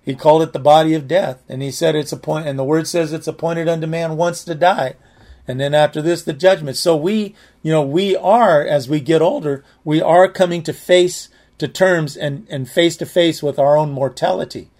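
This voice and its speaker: A man in his late sixties gives a verse-by-verse Bible teaching. His voice sits a little higher than most men's, and he talks in a loose, chatty way, circling back and restarting sentences as he goes. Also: normal speed, darkish tone. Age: 60s. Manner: conversational, repeats himself, restarts phrases. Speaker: pastor.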